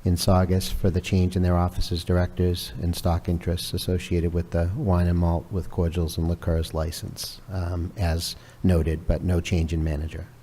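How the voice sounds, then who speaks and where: A man's voice: low voice, completely flat delivery, moderate pace, few pauses, dark tone. A man on a town board, formally reading out a motion. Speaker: board member. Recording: faint room noise.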